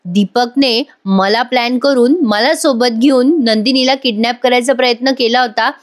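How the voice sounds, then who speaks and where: A woman's voice: fairly high pitch, moderate pace, natural voice. A woman voicing a guilt-ridden young father. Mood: remorseful. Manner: pleading, apologetic. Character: remorseful young father, pleading and self-reproaching.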